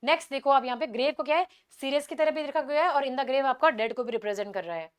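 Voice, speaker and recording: Indian woman teacher, high voice, talks in hindi and english, reads examples out slow. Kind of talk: exam-prep lecture.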